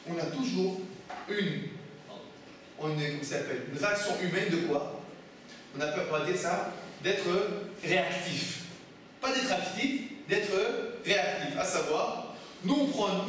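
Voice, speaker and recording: A man's voice: high voice, fairly bright tone. A man teaching a Torah class to students, asking them emphatic rhetorical questions. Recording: echoey room, from far off, faint noise.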